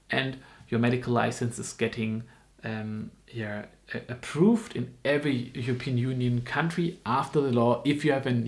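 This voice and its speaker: A man from Germany in his twenties, a dental student speaking English as a second language in a casual informational vlog, talking haltingly with frequent ums and restarts. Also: mid-range voice.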